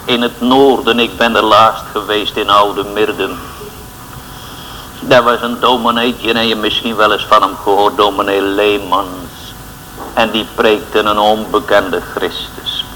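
A man's voice: medium pitch, sharp tone, a little hiss or hum, rough recording. A man preaching a fervent, pleading sermon in a church, speaking. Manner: fervent, pleading, addresses listeners as boys and girls.

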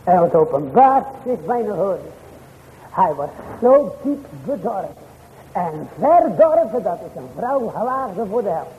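A man preaching a sermon in a high, animated voice. His delivery is slow and drawn out, and he speaks formal, old-fashioned church language. The recording is thin and phone-like, with a long hall reverb and faint noise. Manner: preaching with sudden rises and drops in pitch and loudness.

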